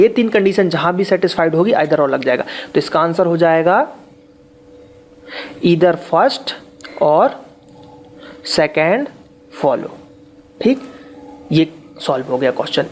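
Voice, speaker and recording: A man's voice: sits high, darkish tone. A man teaching an exam-prep lesson step by step, explaining patiently, repeating key points and checking in often with the learner.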